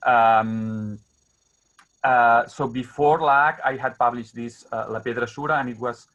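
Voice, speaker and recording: A man with a Catalan accent speaks halting, non-native English, searching for words and repeating himself as he talks informally about his writing. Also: medium pitch, fairly even intonation, a bit bright. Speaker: guest poet. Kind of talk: informal talk about own writing at an online book launch. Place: remote video call. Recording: dull, muffled video-call audio.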